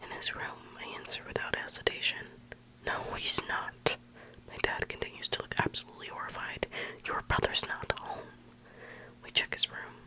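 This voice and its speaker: Someone reading spooky bedtime stories as ASMR in an intimate, hushed whisper, very close to the microphone, with slow, lingering pauses. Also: poor audio.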